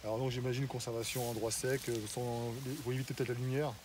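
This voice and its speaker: A man's voice: medium pitch, little pitch movement, fast. A man interviewing a farmer for a fitness channel, chatty and encouraging, thinking aloud as he goes. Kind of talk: casual interview. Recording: noisy ambient background.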